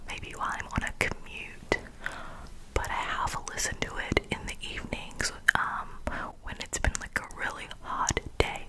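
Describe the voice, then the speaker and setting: Slow cupped-hand ASMR whisper. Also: poor audio. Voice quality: breathy, unvoiced whisper. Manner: slow, softly repeats words and phrases. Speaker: ASMR video maker.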